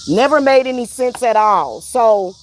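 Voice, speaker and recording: In an unhurried, fairly high voice with lively intonation, a woman who vlogs and does spiritual readings delivers an emphatic, profane personal rant. She repeats herself for emphasis as it gets heated. Slight background noise is present.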